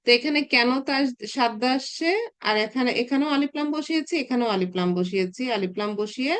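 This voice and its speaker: A woman, teaching a recorded Arabic grammar class and explaining patiently, often pausing on filler words as she thinks. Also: fairly high pitch, a bit bright, smooth. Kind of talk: recorded online class lecture.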